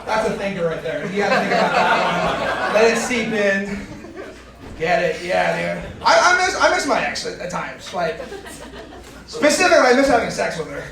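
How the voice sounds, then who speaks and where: A young man doing a stand-up comedy set in a comedy club, telling crude jokes with deadpan punchlines and bantering with the crowd. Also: high voice, moderate pace, vocal fry. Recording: echoey club from far off. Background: audience laughter.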